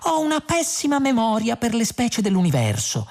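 A woman's voice: fairly high pitch, huge pitch swings, fairly quick, darkish tone, voice pushed up, full character voice. A woman voicing a flashy, boastful two-headed alien man who talks in a breezy, evasive way.

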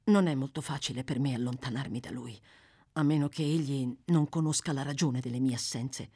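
A woman voicing a frightened young woman of the streets, speaking in an urgent, bitter hush. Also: a bass voice, brisk, husky, voice pushed down. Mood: tense.

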